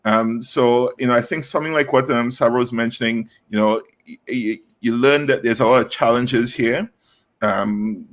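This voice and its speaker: A Trinidadian man in his thirties, an inclusive recruitment specialist, is a guest answering interview questions earnestly, with frequent fillers and restarts. His voice sits in the mid range with a fairly bright tone.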